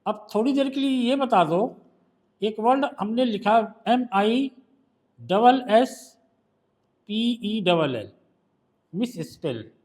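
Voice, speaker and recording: A man's voice: sits high, lively intonation, slow pace, pauses often, darkish tone. A male shorthand teacher with a Hindi accent, patiently quizzing a student during one-on-one tutoring.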